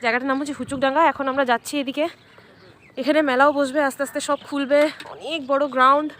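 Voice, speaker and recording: A woman's voice: high voice, flat delivery, quick pace, a bit bright, a little hiss or hum. A woman narrating her own vlog at a picnic, chatty and teasing, filmed on a handheld phone outdoors. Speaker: vlogger. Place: outdoors at a busy picnic ground.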